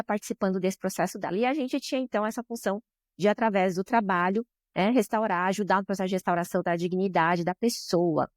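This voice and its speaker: A woman with a Brazilian Portuguese accent and a voice on the low side appears as a guest on a podcast interview, recorded at studio quality with no echo. A social business director, she tells stories with emotion and often tags her sentences with questions.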